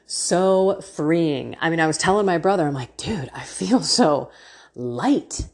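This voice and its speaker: Woman, podcast host, faith talk, husky, earnest, animated, laughs often. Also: sits low, a little slow.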